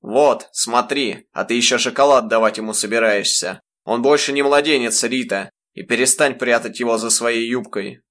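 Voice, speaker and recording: A man's voice: fairly low pitch, fairly even intonation, normal speed, fairly bright tone, natural voice. A man voicing a hot-tempered, brutal father who barks harshly in an audiobook. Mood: furious. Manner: barking, harsh.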